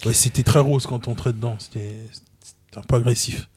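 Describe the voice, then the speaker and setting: A man's voice: medium pitch, fairly even intonation, fairly quick. A man co-hosting a casual podcast, mostly reacting with short interjections. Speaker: podcast co-host. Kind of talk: casual roundtable chat. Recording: loud background noise.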